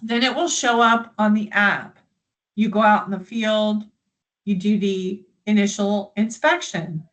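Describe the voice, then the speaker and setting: A friendly woman from the United States walks colleagues through a software system in a live training session. Her voice sits at an ordinary middle pitch, and she explains in a loose, chatty way. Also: steady tone, measured pace, highs cut off.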